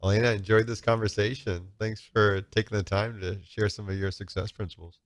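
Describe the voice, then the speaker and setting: Low-voiced male host, dry sound. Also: little pitch movement, brisk, dry recording. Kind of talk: interview.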